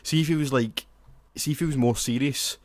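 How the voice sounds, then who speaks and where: Sweary, excitable man. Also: medium pitch, no room sound. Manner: excitable, sweary, quick to laugh. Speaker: podcast co-host. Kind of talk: casual chat.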